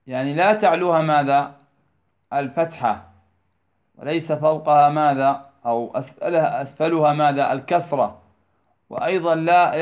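Slow, questioning teacher on a tinny line. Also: male voice, on the high side. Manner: asks rhetorical questions and answers them himself, repeats key words; slow, drawn-out phrasing. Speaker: Quran recitation teacher. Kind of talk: tajweed lesson, explaining verses of a poem. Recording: tinny phone-like recording.

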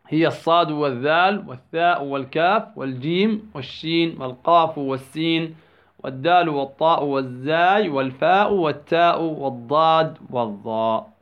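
Male tajweed teacher, high-pitched, drawing out example words slowly; muffled lo-fi sound. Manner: asks prompting questions then answers them. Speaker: Quran recitation teacher. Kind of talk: tajweed lesson. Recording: dull lo-fi recording.

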